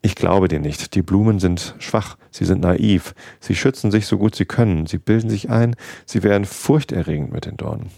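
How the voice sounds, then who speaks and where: A man's voice: deep voice, normal speed, vocal fry, few pauses, warm tone, no room sound, studio quality. A man reading a storybook aloud and voicing a small, earnest boy prince who keeps asking questions and grows indignant. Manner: insistent questioning, rising to angry pleading.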